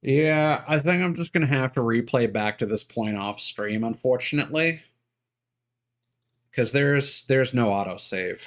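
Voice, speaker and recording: A man with a medium-pitched voice live streams a video game, chatting casually. He thinks out loud in a halting way while he troubleshoots.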